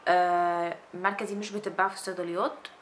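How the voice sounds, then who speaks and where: A woman's voice: on the low side, little pitch movement, very fast, slight background noise. A young woman in her twenties with an Egyptian Arabic accent, chatting casually in a skincare product review and gesturing with her hands as she talks. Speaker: beauty vlogger. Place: small indoor room with fairy lights.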